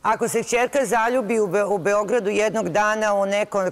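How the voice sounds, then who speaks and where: A woman's voice: mid-range voice, fairly even intonation, fairly quick, a little hiss or hum. A woman in her fifties hosting a TV talk show, asking persistent questions in a playful, teasing way. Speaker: host.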